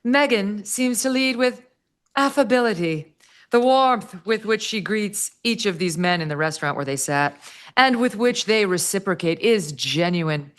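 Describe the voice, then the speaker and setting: A woman's voice: mid-range voice, animated, measured pace, natural voice. A woman giving a hammy, theatrical dramatic reading, playing a gushing, self-satisfied magazine voice to mock it. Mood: gushing, grand. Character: gushing magazine writer and self-satisfied duchess, read mockingly.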